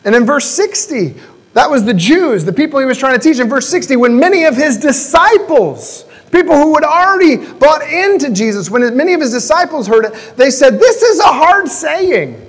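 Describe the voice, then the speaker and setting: High-voiced casual preacher in echoey church. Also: male voice, animated, normal speed. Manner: casual and conversational, reads scripture aloud. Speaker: pastor. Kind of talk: sermon.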